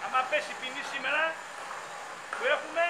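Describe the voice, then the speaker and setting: A man's voice: extremely high pitch, steady tone, crowd noise. A man bantering insistently from a distance on an outdoor construction site. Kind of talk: casual banter. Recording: distant voice over loud site noise.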